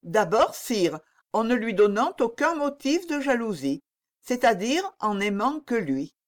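A woman reading the part of a young princess who speaks with soft, sad firmness in an audiobook. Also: on the high side, sing-song, unhurried, voice pushed up. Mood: melancholy. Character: young melancholy princess, gentle and firm.

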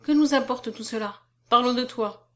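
An earnest, easily flustered young woman, voiced by a woman reading a novel. Her lines run a little higher and more anxious than the narration. It is a storybook part. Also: moderate pace, lightly acted. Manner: raised, anxious, indignant. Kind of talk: audiobook character voice.

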